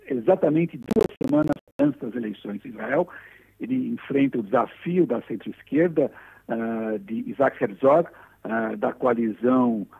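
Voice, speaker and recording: Guy calling in from abroad, gravelly husky voice, tinny phone sound, analytical. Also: medium pitch. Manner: measured analytical, opinionated. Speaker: foreign correspondent. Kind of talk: live analysis over phone.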